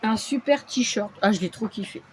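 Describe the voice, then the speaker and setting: A woman's voice: a little high, moderate pace, a little hiss or hum. A woman chatting casually through a shopping haul video at home, with lots of fillers and little interjections. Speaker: vlogger showing a shopping haul.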